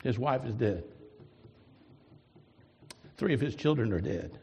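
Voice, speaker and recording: A man preaching a sermon as a pastor, moving from quiet reflective asides to loud, emphatic declarations, and ending in prayer. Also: medium pitch, expressive, slow pace, creaky, in a large hall, slight background noise. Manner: swings from soft musing to loud emphatic preaching.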